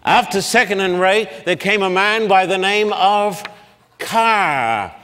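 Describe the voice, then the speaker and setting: This male speaker gives a public Bible lecture using a blackboard, his fairly high, sharp-toned voice slow and carefully measured as he breaks long names into syllables. The large hall lends a long reverb, and there is a little hiss or hum.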